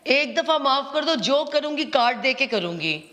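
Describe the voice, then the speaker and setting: A woman's voice: high-pitched, expressive, normal speed, sharp tone. A woman contestant with a Pakistani Urdu accent, coaxing and confiding, mixing in English phrases. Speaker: reality show contestant. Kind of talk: casual argument and scheming. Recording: noisy reality show floor audio.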